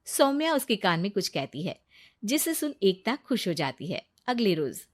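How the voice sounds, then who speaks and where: A woman's voice: mid-range voice, big pitch swings, normal speed. A woman narrating a cartoon story in a plain storytelling manner.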